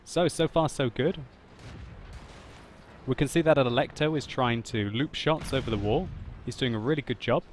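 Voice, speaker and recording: A man narrating his own tank battle gameplay as a voice-over commentary, laughing often and getting loud and excited at big moments. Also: medium pitch, moderate pace, a little hiss or hum. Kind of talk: video game commentary voice-over.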